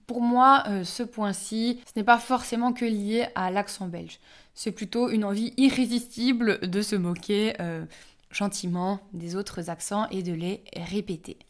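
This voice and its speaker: A young woman from Belgium with a Belgian French accent, explaining as a French teacher to camera, with frequent hesitant fillers. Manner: frequent hesitant "euh" fillers, lively pitch swings.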